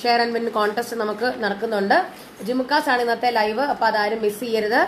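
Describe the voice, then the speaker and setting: Female live-sales host, higher register, casual and chatty despite a cold, some background noise. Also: fairly even intonation, fast talker. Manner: chatty, mixing in English words. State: has a lingering cold and cough. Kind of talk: casual live sales chat, greeting viewers.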